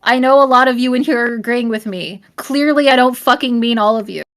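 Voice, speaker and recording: A young adult woman live-streaming, talking straight to her chat in a blunt, profane, rambling rant, at times shouting and often apologizing. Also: on the high side, fairly quick. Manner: profane, blunt, swears constantly. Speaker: livestreamer.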